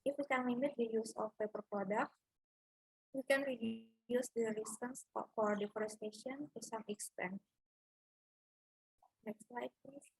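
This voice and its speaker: Girl doing her part of a class presentation, husky kinda high voice, dry sound, lists stuff off the slides. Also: fairly even intonation, measured pace, long pauses, no echo, low-quality recording. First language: Indonesian. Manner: lists points one by one, reading from slides. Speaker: student presenter.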